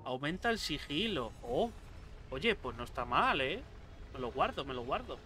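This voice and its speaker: A young man giving casual let's-play commentary, excitable, swearing a lot and talking back to enemies on screen. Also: a little high, normal speed, a little hiss or hum. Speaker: gameplay streamer.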